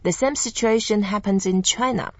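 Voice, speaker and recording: A young woman from Taiwan hosting a Chinese language lesson, who pronounces words slowly and carefully for drills. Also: medium pitch, no room sound, lo-fi sound. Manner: slow, careful pronunciation drills. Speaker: Chinese language teacher and host. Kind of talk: scripted language lesson podcast.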